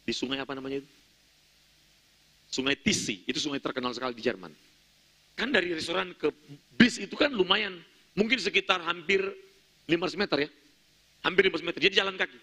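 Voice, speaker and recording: A man's voice: sits high, fast, pauses often, sharp tone, husky. A male pastor telling a dramatic story during a sermon and addressing the congregation directly.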